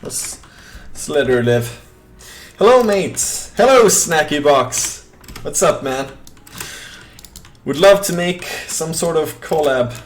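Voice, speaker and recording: A man's voice: fairly high pitch, expressive, slow pace, pauses often, a little hiss or hum. A young man from Sweden with a Swedish accent, chatting casually on a game live stream, reading chat aloud with lots of fillers. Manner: rambling, reads chat aloud, many fillers.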